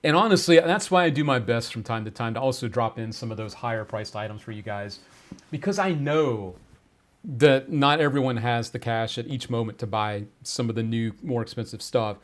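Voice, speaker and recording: A man's voice: mid-range voice, normal speed. A man hosting a live-streamed giveaway show, talking casually and full of stunned exclamations and laughter.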